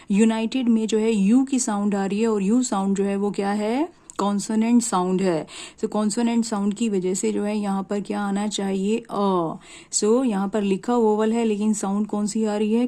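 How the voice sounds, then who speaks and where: A woman's voice: mid-range voice, mellow. A woman teaching a grammar lesson to students, explaining step by step, asking rhetorical questions and using the filler "jo hai" often. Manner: explains step by step, asks rhetorical questions, drawls example words slowly. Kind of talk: classroom lesson.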